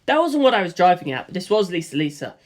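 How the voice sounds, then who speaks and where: An audiobook reader tells a first-person adventure story, moving through the scenes steadily and plainly. The voice rests at an ordinary middle pitch and stays even and unhurried throughout.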